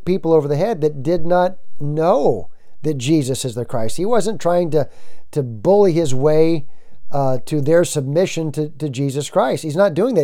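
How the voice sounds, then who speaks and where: A man's voice: on the high side, mellow. A man from the United States preaching a sermon, earnest and emphatic, asking rhetorical questions.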